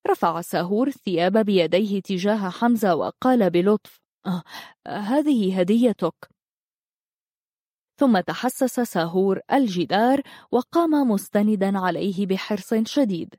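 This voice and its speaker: Calm woman reading a story. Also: mid-range voice, moderate pace, dry recording, clean studio sound. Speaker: narrator. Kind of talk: audiobook narration.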